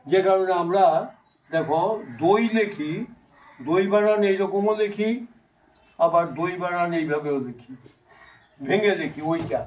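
A male teacher with a Bangladeshi Bengali accent lectures a class, slowly repeating each sound aloud as he explains it. His voice sits high, and it is picked up from a distance by a phone across the room. The room rings with echo, and faint background noise sits underneath. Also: a little mellow. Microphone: phone camera from across the room. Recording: echoey room, voice from far off.

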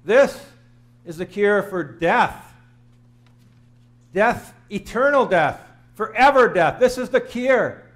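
A man's voice: high voice, animated, slow, pauses often, a bit bright. A man in his fifties preaching a sermon in a small church, earnest and plain-spoken, repeating phrases for emphasis. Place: small church sanctuary, in front of the altar.

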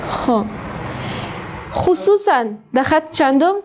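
High-voiced Afghan Dari teacher. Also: female voice, expressive, noisy background. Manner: slow syllable-by-syllable sounding out, frequent praise. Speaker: literacy teacher. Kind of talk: classroom reading lesson. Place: classroom.

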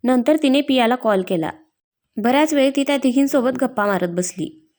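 A woman narrating a romantic story in a steady, even reading voice. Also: sits high, moderate pace. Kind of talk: read-aloud story narration.

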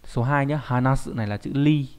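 A man's voice: mid-range voice, a little fast, clean tone. A man teaching kanji in an online lesson, explaining patiently and often checking in with the learner through tag questions. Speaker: Japanese language teacher.

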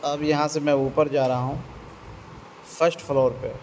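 Holding his phone at arm's length, a young man vlogs while walking through a big shopping mall, then out to the street and onto a metro, talking to viewers and saying "ye dekhiye" again and again. His voice is on the high side, steady, at a moderate pace. Loud mall and traffic noise fills the background.

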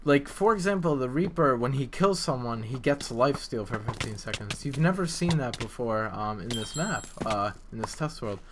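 A video game map developer and video maker rambles through casual, unscripted commentary, hesitant in his explanations yet lively in intonation, with a mid-range voice at normal speed and hardly any pauses. Clicks and background noise are clearly present.

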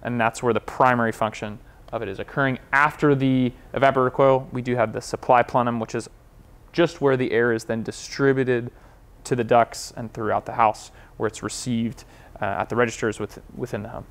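A man's voice: medium pitch, fairly even intonation, fairly quick. A man, walking through how a home cooling and heating system works, gesturing at the equipment in a warehouse workshop. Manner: plain, practical, explains with hand gestures. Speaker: HVAC company representative. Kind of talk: explanatory equipment walkthrough. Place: large warehouse workshop with concrete block walls.

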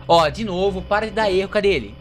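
A man's voice: sits high, quick pace, slight background noise. A young man with a Brazilian accent doing let's play commentary of a horror game, yelping and laughing in fright while talking to his audience. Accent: Brazilian Portuguese. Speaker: gaming YouTuber. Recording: game music behind.

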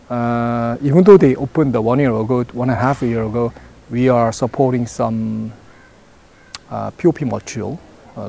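Man, 40s, halting English full of fillers, mellow, faint outdoor hiss. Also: mid-range voice, vocal fry. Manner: halting non-native English with many fillers. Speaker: product manager interviewee. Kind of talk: interview answers. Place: outdoors in front of a branded backdrop. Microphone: lapel mic.

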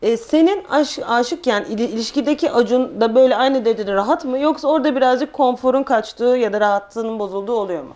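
A woman's voice: on the high side, fast, few pauses, a little mellow. A woman hosting a conversational interview, asking playful questions and adding short affirmations while her guest talks. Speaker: host.

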